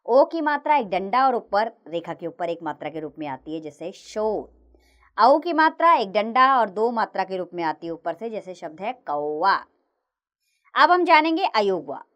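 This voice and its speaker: A woman teacher narrating a grammar lesson for children, reciting the letters slowly and clearly. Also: mid-range voice. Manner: slow, clear recitation of letters with lively sing-song rises and falls.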